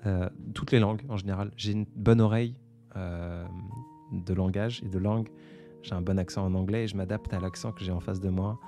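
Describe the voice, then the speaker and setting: A man's voice: sits low, fairly even intonation, a little fast, warm tone, soft background music. A man in his twenties hosting a casual live stream, answering viewer comments in a hesitant, reflective way with many fillers. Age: 20s. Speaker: livestream host.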